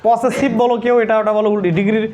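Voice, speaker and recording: A man's voice: high-pitched, flat delivery, rapid-fire. A man teaching a classroom lesson, asking the pupils the same question again and again until they answer. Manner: repeats questions to pupils, drilling. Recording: loud classroom crowd noise. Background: class of children answering in chorus.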